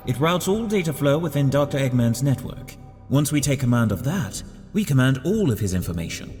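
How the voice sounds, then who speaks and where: Guy doing a snooty evil genius doctor for a comic dub, super theatrical swings in pitch, music under it. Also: very animated, fairly quick, natural voice. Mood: condescending. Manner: pompous, theatrical, articulate. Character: scheming theatrical villain doctor, vain, condescending schemer. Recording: music behind the voice.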